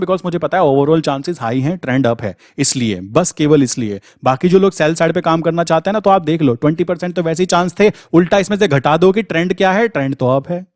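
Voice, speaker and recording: A man's voice: fairly high pitch, a little mellow, no room sound, studio quality. A man giving a casual, conversational trading lesson to viewers, often calling them brother. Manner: conversational, addresses viewers as brother, frequent "thik". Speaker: trading educator.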